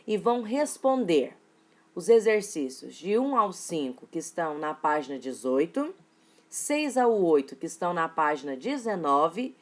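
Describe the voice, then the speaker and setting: Patient Brazilian woman teaching children. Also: lowish voice. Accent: Brazilian Portuguese. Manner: clear, patient explaining with spelled-out examples. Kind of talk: recorded lesson for children.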